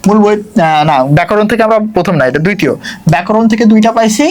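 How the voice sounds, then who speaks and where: A man's voice: sits high, quick pace. Chatty male tutor. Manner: chatty, checks in often with rhetorical questions. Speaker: admission test tutor. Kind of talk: exam prep lesson.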